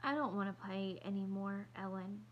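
A woman's voice: medium pitch, moderate pace, lo-fi sound, a little hiss or hum, natural voice. Woman reading an earnest young girl. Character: young girl Anne-Marie, thoughtful and earnest.

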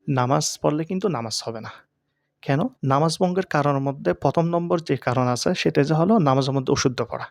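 A man teaching the pronunciation of Arabic letters for Quran reading. He asks questions and answers them himself, and he draws each letter sound out slowly. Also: mid-range voice, no room sound, studio quality. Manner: slow, drawn-out letter sounds.

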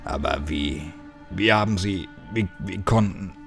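A man voicing a weary captive male doctor who speaks tersely in a low, strained voice. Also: very animated, normal speed, a little mellow, soft background music.

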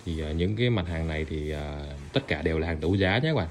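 A man's voice: a bass voice, expressive, fast, slight background noise. A man selling goods in a casual, chatty video showcase, often repeating himself and addressing viewers directly. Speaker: online seller of used Japanese rice cookers. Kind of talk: casual product showcase and sales talk. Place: indoor tiled room, products on the floor.

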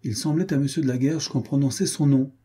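A man reading a swashbuckling novel aloud as an audiobook narrator, in a measured, expressive way. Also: medium pitch, breathy edge. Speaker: audiobook reader. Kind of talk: scripted narration.

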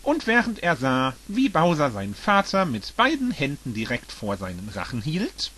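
A man narrating a fan-made audiobook with an animated, dramatic reading. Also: a little high, moderate pace. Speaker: audiobook reader.

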